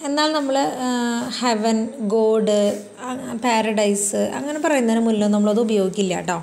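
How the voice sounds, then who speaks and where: This is a woman leading a grammar class for exam students. Her voice sits a little high, and she moves patiently through each point, piling up examples and checking in often with tag questions. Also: fast talker, a little mellow, a little hiss or hum. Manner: patient, explains step by step with many examples; frequent fillers and tag questions. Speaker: exam coaching teacher. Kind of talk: English grammar lesson explained in Malayalam.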